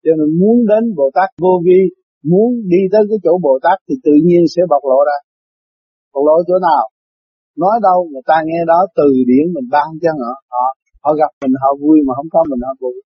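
A man's voice: a little high, fairly quick, slightly rough, muffled recording. An older man giving a dharma talk as a spiritual teacher, telling stories in a chatty way and laughing often.

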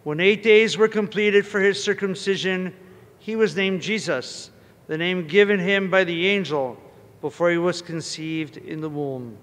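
High-voiced priest proclaiming in cathedral echo. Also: male voice, unhurried, a bit bright. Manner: formal, proclaiming. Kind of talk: liturgical gospel reading. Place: large church. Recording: long cathedral reverb.

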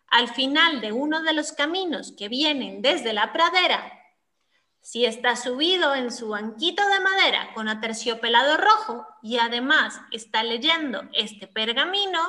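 A man's voice: very high voice, bright, forceful tone, pitched above the performer's own voice, exaggerated voice. A man voicing a pompous male ceremonial warden who reads out a scroll in a formal, solemn way.

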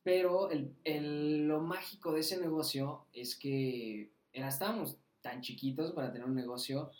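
A man's voice: a little high, normal speed. Slangy Mexican man telling a story, roomy sound. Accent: Mexican Spanish. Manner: slangy, swearing, animated anecdote with acted quotes. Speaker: podcast guest. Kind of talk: casual storytelling. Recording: roomy echo.

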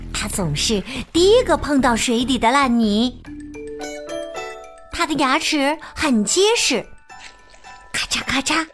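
A woman narrating a children's story in an expressive, playful way. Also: high voice.

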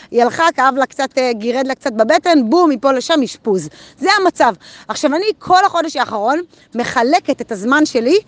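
A woman giving a casual motivational talk, telling a personal story with animated delivery and acting out her own thoughts. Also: high-pitched, no echo. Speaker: vlogger sharing a daily insight.

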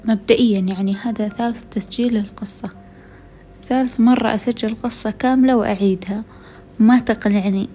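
A Gulf Arabic–accented podcast host talks directly to her audience, relaxed as she relates a true story over soft background music. Her fairly high voice is steady and dark-toned, fairly quick, and tired from a week of being unwell.

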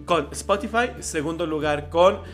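A Mexican man co-hosting a laid-back podcast, with a bright, forceful voice that sits high for a man. He jokes around and breaks into shouts and bits of song. Faint music plays underneath. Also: unhurried. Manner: playful, bursts into shouts and sung snippets. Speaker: podcast co-host. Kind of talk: casual podcast chat.

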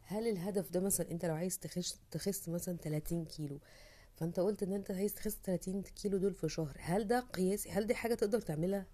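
A woman's voice: fairly low pitch, racing, dark tone. A woman with an Egyptian Arabic accent, hosting a podcast in a casual, reflective monologue, thinking aloud and acting out inner voices. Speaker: podcast host.

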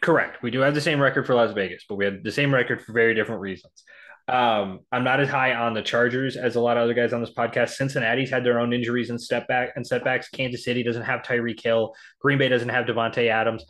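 A man's voice: medium pitch, fairly even intonation, fast talker, a bit bright. A man co-hosting a sports podcast, talking casually, rattling off statistics with frequent ums and restarts. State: has the hiccups. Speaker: podcast co-host. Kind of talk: casual sports prediction talk.

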